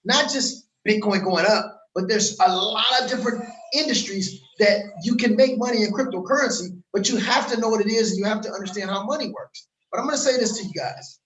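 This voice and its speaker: A man from Los Angeles talking in a casual vlog, pitching crypto courses in an animated, repetitive, hard-selling way while outdoors somewhere warm. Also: brisk, reverberant, slight background noise, rough recording.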